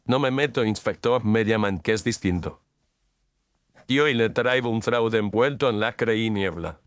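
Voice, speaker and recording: A man playing Sherlock Holmes as a composed, incisive Victorian detective, speaking formally and deliberately in an audio drama. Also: on the low side, no echo, close to an everyday voice. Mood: assured. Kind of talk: Spanish audio drama mystery acting.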